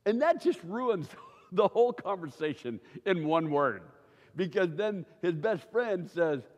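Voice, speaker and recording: A man in his sixties, a preacher, teaches conversationally in a church hall, his high-sitting voice swinging widely in pitch at a measured pace and sounding a little mellow. Chatty, he keeps checking in with his listeners, and the hall's long reverb is audible.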